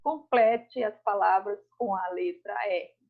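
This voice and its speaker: A woman teacher, going over school exercises in a recorded lesson, reading each task aloud and explaining it patiently. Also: mid-range voice. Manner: reads tasks aloud, then explains slowly and patiently. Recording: muffled home recording.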